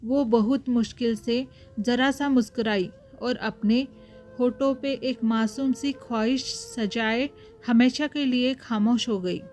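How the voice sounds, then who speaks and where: Slow woman narrator over soft music. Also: fairly high pitch, steady tone. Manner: slow, emotional reading. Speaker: storyteller. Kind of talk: scripted story narration.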